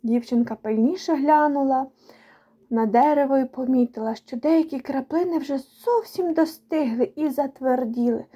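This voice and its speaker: High, mellow woman reading a children's book. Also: moderate pace. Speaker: storyteller.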